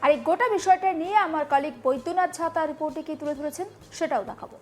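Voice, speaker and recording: A woman's voice: high-pitched, rapid-fire, a little mellow, soft background music. A woman news anchor, presenting a news report.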